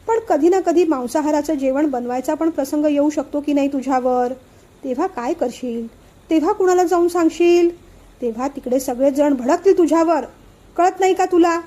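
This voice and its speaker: Woman reading as a gruff old family patriarch in an audio story, short-tempered, voice lifted but still mellow. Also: high-pitched, moderate pace, natural voice. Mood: scolding. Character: stern elderly father, short-tempered head of family.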